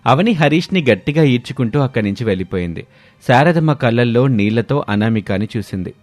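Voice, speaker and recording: A man narrating a moral storybook in a steady, expressive way. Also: medium pitch, brisk, dry recording.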